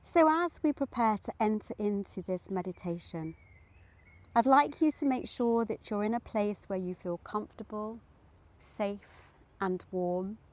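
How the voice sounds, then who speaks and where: A woman with a mid-range voice guides a meditation gently and soothingly, speaking in short, deliberate phrases separated by long pauses.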